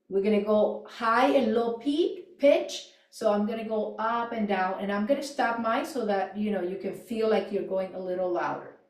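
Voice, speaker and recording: A woman instructor leads a gentle yoga and mindfulness class, giving calm, unhurried cues for movement and breath. Her voice sits at an ordinary middle pitch and tends to fade softly at the ends of lines. She is heard from some distance in a roomy, echoing studio. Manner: calm, gentle cueing with soft trailing endings. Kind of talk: guided movement and voice exercise class. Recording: echoey room, voice off-mic.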